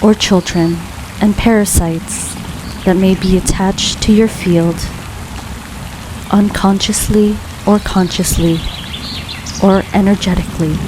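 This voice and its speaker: A woman leading a guided grounding meditation in a calm, soothing, unhurried way, leaving long pauses between phrases. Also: medium pitch. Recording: steady rain noise behind voice. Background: rain falling.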